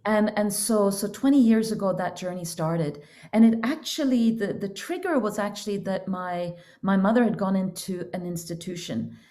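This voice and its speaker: Her voice is medium-pitched and mellow, moving at a moderate pace with hardly any pauses. A middle-aged Norwegian counselor and coach, she earnestly and reflectively discusses her inner journey in a casual podcast interview.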